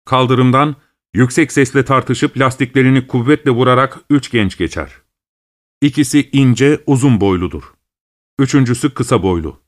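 A man narrating a short story as an audiobook in a calm, measured reading voice. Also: mid-range voice.

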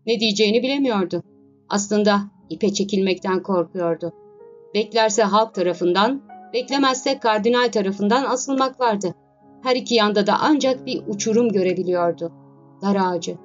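Woman, audiobook narration, even storytelling, muffled low-fidelity sound. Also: moderate pace. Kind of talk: scripted narration of a classic novel. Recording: dull lo-fi recording with faint music.

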